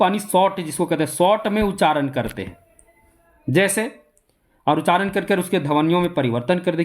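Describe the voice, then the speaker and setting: Male Hindi teacher with a Jharkhand accent. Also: fairly high pitch. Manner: repetitive, asks rhetorical questions, then answers them. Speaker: Hindi exam coaching teacher. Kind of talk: explanatory classroom lecture.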